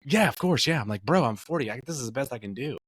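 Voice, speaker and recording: A man in his late thirties co-hosts a casual podcast chat, rambling with plenty of fillers and false starts. His mid-range voice is animated and fast with a breathy edge, captured in studio quality with no echo.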